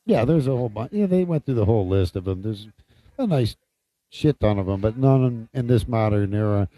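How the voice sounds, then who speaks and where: A man's voice: fairly low pitch, expressive, a little fast, mellow, dry recording. A man co-hosting a casual sports podcast, talking loosely and swearing freely. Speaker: podcast co-host.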